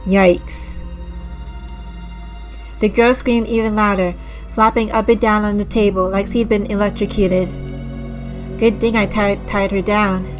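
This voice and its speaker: A woman streamer with a slightly raspy, medium-pitched voice reads a visual novel aloud in a slow, dramatic way, restarting when she stumbles over words and clearing her throat often. She breaks off into disgusted, casual asides to her chat, while music plays clearly behind her voice.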